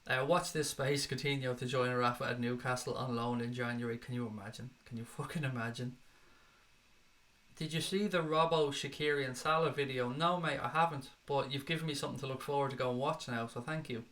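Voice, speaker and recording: An Irish man with a bright, forward voice talks through viewer comments in a loose, unscripted way. He is blunt and swears casually, keeping a friendly back-and-forth with his chat. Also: mid-range voice, fairly even intonation, fairly quick. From Ireland. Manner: blunt, swears freely, chatty replies to comments. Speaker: livestream host reading chat.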